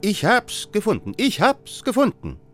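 A man reading an audiobook, voicing an eager, brilliant young male chemist who talks in quick, excited bursts. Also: mid-range voice, faint music behind, close to an everyday voice. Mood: ecstatic. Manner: excitable, rapid and exclaiming. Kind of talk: audiobook character voice.

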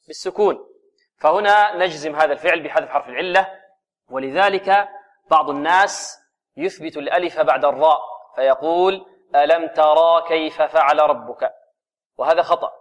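Man teaching Quran recitation, slightly high voice. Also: fairly bright tone. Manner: asks questions and answers them himself; recites verses slowly and deliberately. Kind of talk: tajweed lesson on a radio program.

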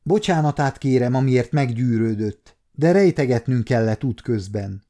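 A man's voice: mid-range voice, animated, mellow, lightly acted. A man doing an earnest young page boy. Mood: eager, polite. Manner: polite, stumbling over titles.

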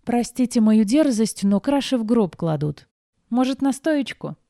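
A woman's voice: fairly high pitch, expressive, unhurried, creaky, mellow, no room sound, studio quality, pitched above the performer's own voice. A woman reading the lines of a weary, grumbling elderly male court physician in an audiobook, with a teasing manner. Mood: wry.

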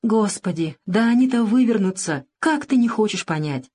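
A woman's voice: mid-range voice, expressive, normal speed, darkish tone, breathy edge, pitched above the performer's own voice. A woman reading the part of a frightened young woman who sobs and pleads on the phone, in an audiobook. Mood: pleading. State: sobbing.

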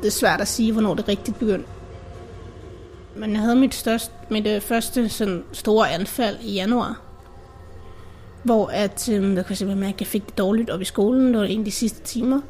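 A teenage girl telling her own story, earnest and halting, at times dropping into a soft whisper. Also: mid-range voice, fairly even intonation. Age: teens. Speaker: interviewee recounting an anxiety attack. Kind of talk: personal testimony in a radio documentary.

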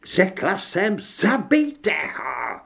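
A man voicing a furious, menacing female werewolf who leads cultists, with a raised high voice, in an audiobook. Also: sing-song, breathy edge, full character voice. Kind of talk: audiobook character voice.

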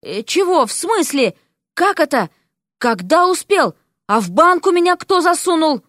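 Woman voicing stubborn frog girl, teasing, demanding, high-pitched, dry recording. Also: sing-song, a little slow, a bit bright, no room sound, heavily acted. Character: female frog, sharp-tongued and stubborn.

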